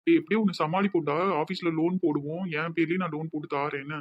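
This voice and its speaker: A man voicing a steady young male friend with a Tirunelveli accent, talking in a calm, soothing, reassuring way in a cartoon. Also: on the high side, quick pace, muffled recording, voice pushed down, natural voice. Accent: Tirunelveli Tamil.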